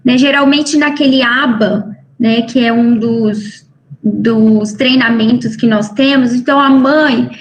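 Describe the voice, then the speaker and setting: A woman's voice: a little high, fairly even intonation, takes it slowly, a little hiss or hum. A woman physician with a Brazilian Portuguese accent giving a medical lecture, explaining step by step with frequent fillers and rhetorical tag questions.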